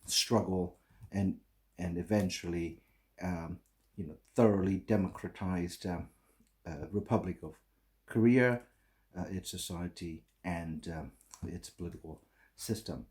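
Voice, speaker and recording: A middle-aged man from Burma with a Burmese accent, giving a recorded conference talk in halting English full of fillers and restarts. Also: deep voice, darkish tone. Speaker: conference speaker.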